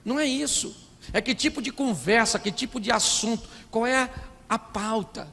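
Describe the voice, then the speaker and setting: A man preaching a comic sermon as pastor, animated, acting out couples' arguments in put-on voices. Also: extremely high pitch, moderate pace, creaky. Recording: live in a large hall with long reverb and faint noise.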